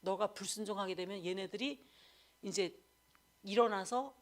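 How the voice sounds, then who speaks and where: A middle-aged woman evangelist preaching a sermon, telling her own story in a candid, animated way. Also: mid-range voice, normal speed.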